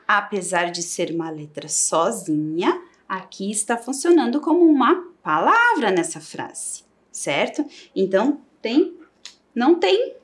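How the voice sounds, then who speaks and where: A woman with a Brazilian Portuguese accent teaching a televised primary school lesson, sounding out syllables for children. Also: fairly high pitch. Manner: slow, lively, sings out syllables for children.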